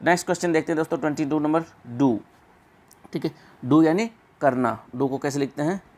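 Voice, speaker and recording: A man's voice: on the high side, a little mellow. Man teaching, drawing out repeated words. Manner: repeats words slowly and drawn out. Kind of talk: exam-prep English pronunciation lesson.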